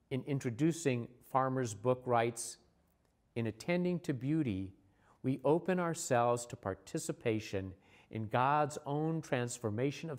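Guy giving a sermon, calm and earnest, drags out the refrain lines, mid pitch. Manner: measured, earnest delivery with slow repeated refrains. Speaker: church leader. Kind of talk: recorded sermon message.

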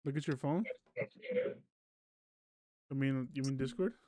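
A man streaming from a dim room at home, chatting casually in a relaxed, slangy way. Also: medium pitch, unhurried, dry recording. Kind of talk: casual livestream chat.

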